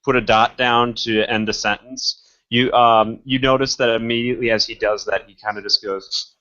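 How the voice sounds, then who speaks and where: A man narrating a tabletop role-playing game as game master, speaking hesitantly with many pauses and restarts over a muffled voice chat recording. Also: mid-range voice, fairly even intonation, pushed and bright.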